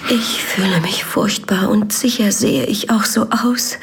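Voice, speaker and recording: An actress playing a frail, gravely ill young woman in a radio play, speaking in a weak, breathy whisper. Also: mid-range voice, a little slow, natural voice.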